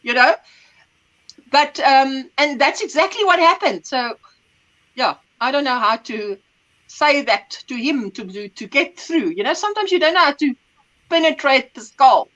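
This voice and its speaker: Here the middle-aged Afrikaans-speaking host chats casually on a livestream, reading comments, rambling, reaching for words, and laughing a good deal. She has a high, fairly bright voice with lively intonation and a moderate pace. The recording is muffled.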